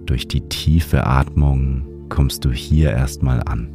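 A man narrating a guided sleep meditation as a podcast host, in the calming manner of a sleep story narrator. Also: rumbling low, slow pace, music in the background.

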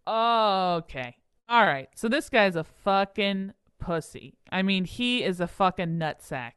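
Brief: blunt, foul-mouthed woman co-host, smooth dry voice. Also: mid-range voice, animated, takes it slowly, fairly bright tone, dry recording. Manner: blunt and profane. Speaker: podcast co-host. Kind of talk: casual chat.

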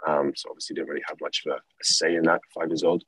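Very deep-voiced, flat-toned young man from England. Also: rapid-fire, slightly rough, no room sound, low-quality recording. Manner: relaxed, rambling with many fillers. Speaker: guest, clothing brand founder. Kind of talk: casual interview chat.

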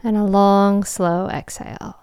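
A woman guiding a meditation in a soft, soothing, slow voice with long pauses, breathy and trailing toward a whisper. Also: mid-range voice, flat delivery, no room sound, studio quality. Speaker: meditation guide and show host. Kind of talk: guided meditation.

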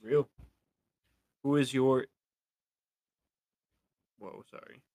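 A man's voice: medium pitch, extremely slow, dark tone, no room sound. A young man co-hosting a casual sports podcast, reading listener questions aloud and sometimes stumbling over the words. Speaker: podcast co-host.

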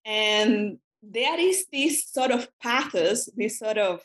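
A woman's voice: a little high, animated, slow, fairly bright tone. A woman who grew up in Cuba and speaks Spanish natively, answering as a guest scholar in an academic interview, thoughtful and often restarting her sentences.

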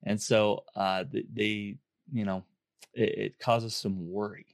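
A man with a hoarse, under-the-weather voice, hosting a podcast in an informal, upbeat way. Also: lowish voice, flat delivery, takes it slowly, dry recording, clean studio sound. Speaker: podcast host. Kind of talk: casual podcast talk to listeners.

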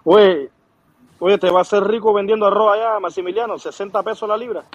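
A man's voice: high-pitched, steady tone, fairly quick, dry recording, lo-fi sound. A man teasing someone mockingly during a live argument.

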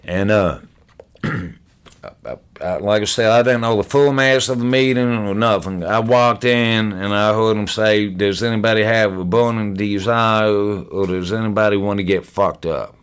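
Man, podcast guest, deep-ish voice, blunt and profane, repeats words as he restarts. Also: normal speed, clean tone. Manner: blunt and profane, gets loud when reliving moments. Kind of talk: casual storytelling.

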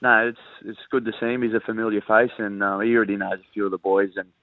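A low-voiced Australian man speaks as an athlete in a casual interview. He comes through a narrow, tinny phone line with no room echo. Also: fairly even intonation, fast talker. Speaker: rugby league player being interviewed.

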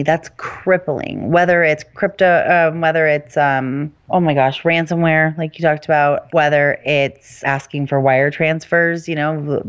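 A woman with a deep, smooth voice hosts a podcast, explaining things in a casual, chatty, informal way and often hedging with "I mean" and "you know." The recording sounds muffled.

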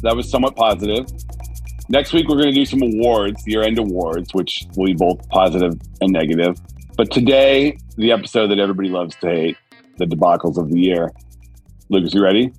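A man's voice: low-pitched, brisk, a little mellow, breathy edge, soft background music, rough recording. A man hosting a podcast with conversational industry commentary, recorded on a tablet's built-in microphone rather than studio gear. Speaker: podcast host. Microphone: tablet's built-in microphone, away from studio.

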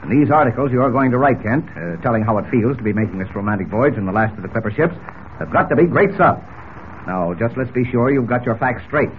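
An actor playing a brusque, bossy older newspaper editor in 1940s radio drama. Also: male voice, mid-range voice, expressive, fast talker, natural voice. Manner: blustering, brusque. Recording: tinny old radio recording, faint noise.

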